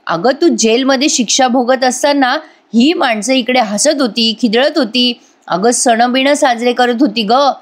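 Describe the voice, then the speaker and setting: A woman's voice: fairly high pitch, a little slow. A woman doing a stubborn, resentful young husband. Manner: firm, complaining.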